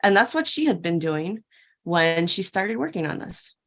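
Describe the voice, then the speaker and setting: On the low side but fairly bright, this woman's sing-song voice moves at normal speed as she gives a prepared keynote at a tech conference. She tells it as a fairytale parable in a playful way, asking and answering her own questions.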